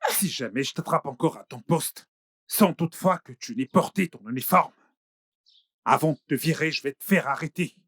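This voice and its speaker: A man's voice: a little high, normal speed, fairly bright tone, slightly rough, no echo, studio quality. A man dubbing a stern, angry male employer who gives curt, threatening commands. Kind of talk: French film dub.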